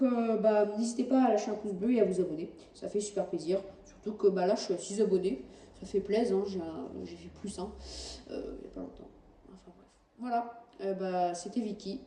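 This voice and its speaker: A woman talks through game footage in a casual, halting way, stopping often to correct herself. Her voice is very dark and mellow. She sounds set back from the mic in a roomy space with a faint hum behind her. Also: medium pitch. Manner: hesitant, many fillers and self-corrections. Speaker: gaming channel host. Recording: roomy, distant mic, faint background noise.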